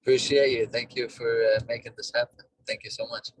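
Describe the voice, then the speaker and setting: Business owner calling in from his car on speakerphone; husky, sounds far off, explains things plainly with pauses. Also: mid-range voice, steady tone, no room sound. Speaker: duct cleaning business owner, guest. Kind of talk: casual interview over a call. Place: in his car while driving. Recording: distant car speakerphone call.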